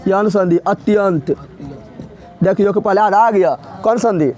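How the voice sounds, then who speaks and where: A young man runs an exam-prep grammar lesson. His voice sits high for a man, and he keeps firing questions at his students and answering them himself, over and over, like a drill. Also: measured pace, darkish tone. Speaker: teacher.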